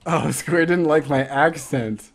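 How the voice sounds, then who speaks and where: Laid-back slow-talking male stream host. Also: on the high side. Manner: relaxed, laughing, filler-heavy. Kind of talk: casual sign-off chat.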